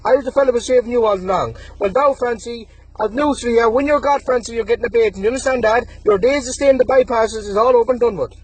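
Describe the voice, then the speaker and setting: A young Irish man in his twenties with a notably high, rough and husky voice launches into an angry callout rant. He taunts and threatens his rival, hammering the same name over and over. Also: quick pace, darkish tone, no echo, poor audio. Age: 20s. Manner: aggressive, taunting, threatening, repeats the target's name again and again.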